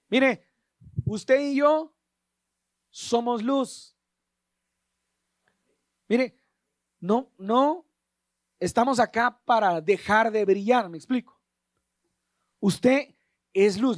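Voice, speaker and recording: A man's voice: high voice, no room sound, studio quality. A man preaching a Sunday sermon as pastor, urging his congregation to repeat after him. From Guatemala. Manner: preaching to a congregation, calling for repetition.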